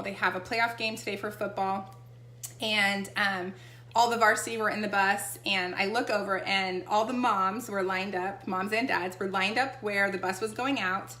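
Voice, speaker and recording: A woman's voice: medium pitch, moderate pace, sharp tone. A woman, chatting casually as she demonstrates essential oils and often checks in with the listener. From Texas. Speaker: essential oil seller. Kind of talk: casual product demo chat. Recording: echoey room with faint hum.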